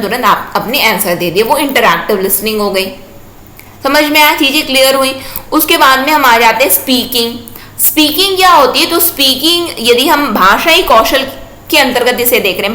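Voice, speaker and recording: A woman's voice: a little high, pushed and bright. A woman teacher giving an exam-prep lecture, repeating her points and asking rhetorical check questions. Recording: echoey room with faint noise.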